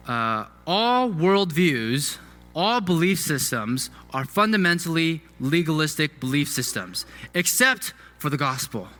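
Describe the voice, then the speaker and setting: Man, pastor, sermon, bright forceful voice, conversational with rhetorical questions, long church reverb. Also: a little high. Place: church sanctuary.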